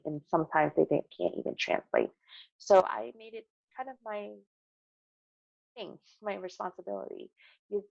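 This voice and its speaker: Sharing personal experience in a conversational interview, this Connecticut woman of middle age talks earnestly and repeats phrases to stress her points. The voice is lowish, creaky, and a little mellow, with no room sound and lo-fi quality.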